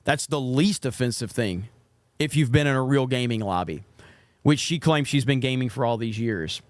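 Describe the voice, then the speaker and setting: A man's voice: mid-range voice, moderate pace, no echo. A man giving casual, opinionated commentary on gaming clips in a blunt, sarcastic, sweary manner.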